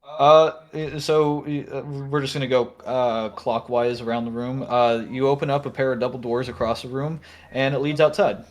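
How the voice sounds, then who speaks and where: A man with a medium-pitched voice runs a fantasy tabletop game. He improvises the scene as he goes, halting and searching for words in a conversational game-master style. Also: steady tone.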